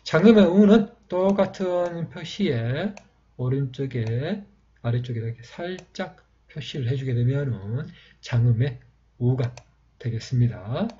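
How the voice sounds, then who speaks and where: A man teaching a step-by-step writing lesson, pausing often with fillers and repeating himself as he demonstrates each stroke. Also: mid-range voice, mellow, lo-fi sound. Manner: halting, with frequent fillers and repeated phrases. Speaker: calligraphy teacher.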